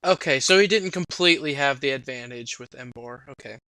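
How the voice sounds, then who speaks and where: A man's voice: medium pitch, brisk, bright, forceful tone, clear, resonant tone, no echo, rough recording. A man chatting casually about a fanfiction reading, asking questions and trailing off. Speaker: co-reader commenting. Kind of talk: casual chat.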